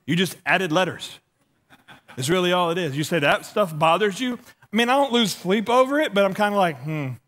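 This high-pitched, expressive man talks a little fast with a fairly bright tone. He's a middle-aged pastor with a lisp, moving around a church stage and gesturing through a humorous sermon full of self-mocking stories and performed dialogue.

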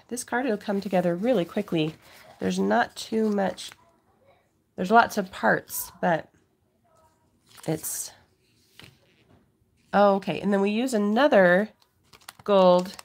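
A middle-aged woman with a creaky, medium-pitched voice hosts a casual craft demonstration for her viewers. She has a cold with an occasional cough, and she's indoors at a home craft table.

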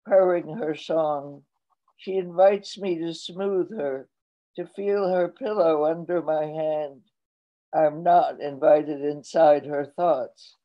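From a room in her home, a woman in her eighties reads her own poetry slowly and deliberately over a video call. Her voice sits low, and the laptop webcam audio comes through dull and lo-fi.

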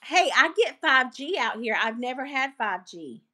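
A woman's voice: high-pitched, sing-song, normal speed, bright, forceful tone. A woman in her forties co-hosting a casual live stream from home, playful and teasing, fumbling with the phone app. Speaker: co-host of the live. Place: living room at home. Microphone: phone held at arm's length.

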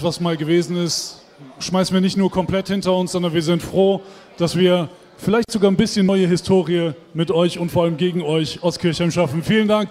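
A man hosting a postgame stage interview, asking chatty, lively questions into a handheld mic. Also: high voice. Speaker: arena host and interviewer. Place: stage in a large dark hall. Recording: long hall reverb.

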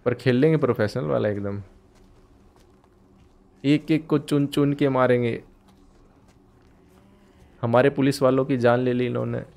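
Excitable man streaming a horror game. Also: medium pitch, unhurried, vocal fry, long pauses. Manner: excitable, shouts in panic during fights. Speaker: gaming streamer. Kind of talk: live gameplay commentary.

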